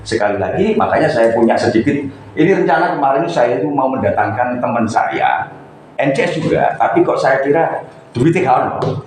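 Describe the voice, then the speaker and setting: A man coaching members at a meeting, chatty and lecturing, with lively asides. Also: medium pitch, slight background noise. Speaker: coordinator of a local radio community. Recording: echoey room, faint background ambience.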